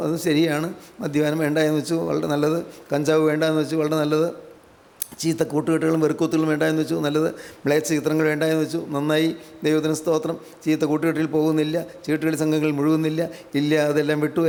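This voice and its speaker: An older man preaches a gospel sermon in a gravelly voice that sits a little high. He keeps his pitch level and hammers home his points by repeating phrases. A long reverb trails behind him, as in a large hall. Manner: repeats phrases in a steady, emphatic preaching cadence.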